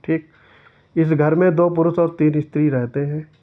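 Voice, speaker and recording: A man's voice: on the high side, flat delivery, normal speed. A man teaching an exam-prep lesson who reads each question aloud and then corrects it step by step. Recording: tinny phone-like sound.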